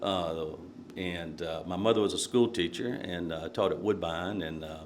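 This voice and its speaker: An older man from Nashville tells stories in a relaxed, rambling way and stops often for fillers. His voice sits low. A faint hum runs under the recording. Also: normal speed. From Nashville, Tennessee. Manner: rambling, many fillers, chuckles while telling stories. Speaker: podcast guest, court candidate. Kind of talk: casual interview, storytelling.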